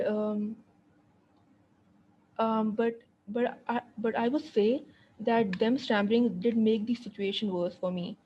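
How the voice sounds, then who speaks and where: Here a young woman guest tells her own story as a testimonial, speaking at a medium pitch. Her delivery is halting, full of repetitions and filler words, while the audio sounds muffled at the top end with a faint hiss or hum.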